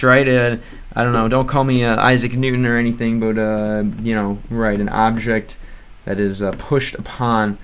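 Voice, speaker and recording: A young man from the United States chats casually on a livestream, rambling with plenty of fillers and restarts as he stumbles through beginner Russian, correcting himself hesitantly. His lowish voice has a fairly bright, clear and resonant tone.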